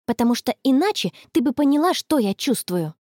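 A woman voicing a dreamy, stubborn teenage schoolgirl in love, in a storybook, soft and a little touchy. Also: high-pitched, big pitch swings, fairly quick, dry recording, clean studio sound, voice pushed up.

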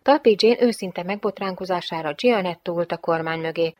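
A woman's voice: lowish voice, a little mellow, dry recording. A woman reading a novel aloud as an audiobook narrator, with a wry, ironic delivery.

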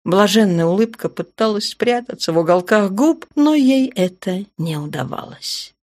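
A woman reading a novel aloud as audiobook narrator, in an even, measured way. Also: medium pitch.

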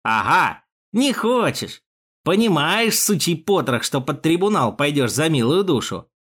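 A man's voice: fairly high pitch, very animated, unhurried, breathy edge, full character voice. A man voicing a mocking, crude male police thug with a jeering manner in an audiobook. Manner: jeering, sneering, loud.

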